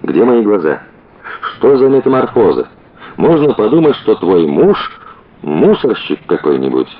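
A man's voice: fairly low pitch, very animated, a little slow, narrow, tinny audio, pitched above the performer's own voice. A man reading aloud and voicing a flippant young woman, a former society girl, who teases and chatters brashly. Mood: teasing.

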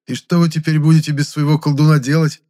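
A man's voice: fairly high pitch, level tone, fast talker, dark tone, pitched above the performer's own voice, close to an everyday voice. A man doing a cocky mocking young hero. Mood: taunting. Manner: mocking, taunting. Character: cocky young male necromancer hero, defiant.

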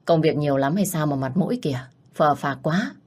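A woman's voice: sits low, animated, brisk, a little mellow. A woman doing a fussing, worried older mother-in-law. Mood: caring.

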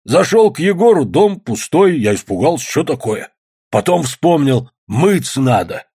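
A man voicing a rambling, tipsy, good-natured village uncle in an audiobook, talking loudly. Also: on the high side, very animated, a little slow, husky, pitched above the performer's own voice, full character voice. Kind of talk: audiobook character voice.

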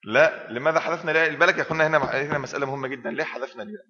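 A sheikh with an Egyptian Arabic accent gives a classroom lesson, constantly asking his students questions and finishing the answers himself. His voice is a little high, very fast, and sharp in tone, captured with dull lo-fi sound in a reverberant hall.

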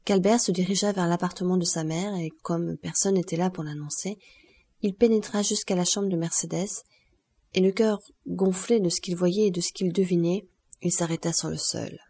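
Woman, audiobook narration, classic novel, measured, low voice, husky. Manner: measured, expressive reading.

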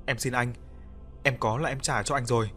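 A man's voice: mid-range voice, fairly even intonation, moderate pace, sharp tone, soft background music, natural voice. A man voicing a desperate father in debt, who pleads and cries out in an audio story. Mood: pleading. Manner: pleading, then screaming. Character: desperate grieving indebted father.

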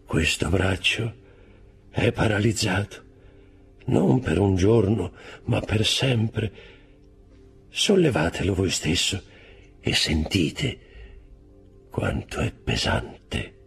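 A man's voice: low voice, measured pace, vocal fry, faint music behind. A man voicing a stricken old prisoner priest who speaks weakly and trembles, breaking off mid-word. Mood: faint, resigned.

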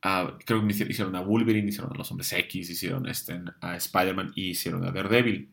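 Gravelly-voiced man chatting comics. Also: low-pitched, fairly even intonation, fairly quick, a bit bright. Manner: chatty, many fillers and restarts. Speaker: comics show host. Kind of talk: casual comics chat answering viewer questions.

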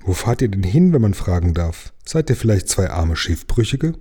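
A man voicing a tiny, curious mermaid girl in a high, soft voice, reading a storybook aloud. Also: sing-song, normal speed, husky, heavily acted.

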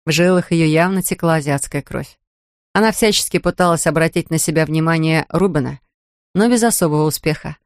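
A woman narrates a novel in an even, measured storytelling voice. The recording is dry and close, with no room echo. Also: sits low. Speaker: audiobook narrator. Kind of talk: scripted narration.

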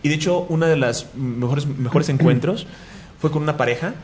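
A man, co-hosting a chat show and telling animated anecdotes with restarts and asides. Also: fairly high pitch, brisk, a little hiss or hum. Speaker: podcast co-host and event moderator. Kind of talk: casual storytelling chat.

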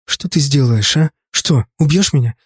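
A man's voice: on the high side, normal speed, breathy edge, no room sound, clean studio sound. A man voicing a frightened young woman in an audiobook, pleading urgently. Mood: defiant.

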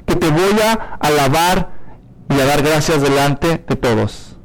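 Jonah, a preacher acting out a pleading prophet. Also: male voice, a little high, measured pace, pitched below the performer's own voice, rough recording.

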